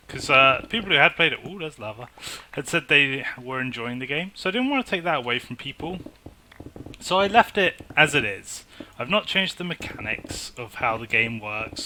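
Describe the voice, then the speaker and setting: A man commentating his own game, excitable and chatty as he talks himself through it. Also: mid-range voice, slight background noise. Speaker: gaming YouTuber. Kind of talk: casual Minecraft let's play commentary.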